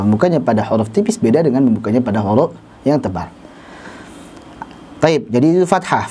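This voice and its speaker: Male teacher, lively intonation, models each vowel sound for students. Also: a little high, slightly rough. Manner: demonstrates vowel sounds aloud, repeating syllables. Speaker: Quran recitation teacher. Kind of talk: teaching lecture.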